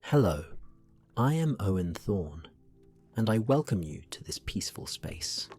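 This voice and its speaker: A man working as a sleep story narrator, guiding relaxation in a gentle, soothing, hushed delivery that drifts toward a whisper. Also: sits low, sing-song, slightly rough, soft background music. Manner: slow, gentle, soothing, often falling near a whisper.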